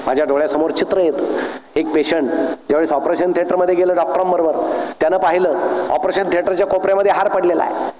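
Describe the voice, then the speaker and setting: A man's voice: sits high, fairly even intonation, fast talker, mellow. A man giving a humorous speech to an audience, telling jokes and acting out the dialogue in his stories. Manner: storytelling with jokes, acts out dialogue. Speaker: public speaker. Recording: echoey hall with long reverb.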